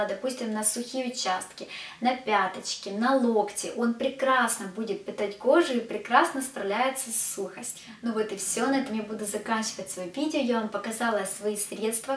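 A woman reviewing body care products to camera in a chatty way, talking to her viewers as girls. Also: a little high. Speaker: beauty vlogger. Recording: echoey room, distant mic.

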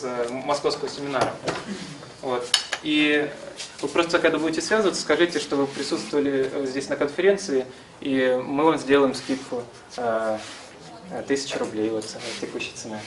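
A man in his thirties giving an informal seminar lecture and answering questions, hesitantly searching for words as he explains. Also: mid-range voice. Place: small classroom-like seminar room, indoors. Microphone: camera some metres away. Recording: distant camera mic, faint room noise.

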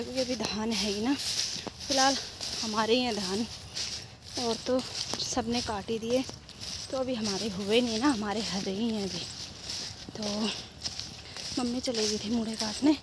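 A young woman from the Uttarakhand hills narrates her day in a soft, chatty way, her slightly high voice a bit scratchy in the throat. Loud outdoor noise runs under everything she says. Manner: soft, chatty running commentary. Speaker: vlogger. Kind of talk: casual vlog narration. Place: rural home and fields, outdoors.

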